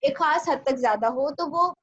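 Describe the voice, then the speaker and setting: A woman teaching a nutrition class online, explaining patiently step by step with small pauses. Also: high-pitched. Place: home video call. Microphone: laptop or phone mic on a video call. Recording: dull, lo-fi video call audio with faint noise.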